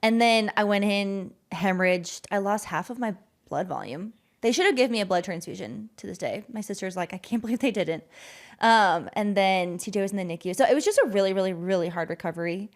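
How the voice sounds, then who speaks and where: A woman's voice: mid-range voice, lively intonation, a little fast. A woman in her thirties co-hosting a podcast, chatting candidly and laughing as she shares her own story. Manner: candid, laughing, talks through personal story. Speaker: podcast co-host. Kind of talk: casual chat.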